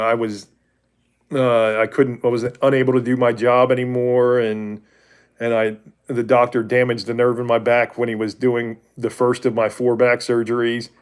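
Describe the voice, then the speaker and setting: A man's voice: medium pitch, smooth. Rambling, candid man in his forties. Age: 40s. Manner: rambling and candid, often restarts and corrects himself. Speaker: livestream host. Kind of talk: casual faith talk with viewers.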